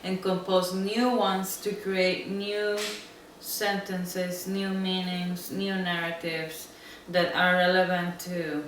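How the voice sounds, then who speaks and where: A woman from Central America answering interview questions, slow and thoughtful, often pausing with ums. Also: lowish voice, flat delivery, slight background noise. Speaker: interviewed designer. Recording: echoey room, mic at a distance.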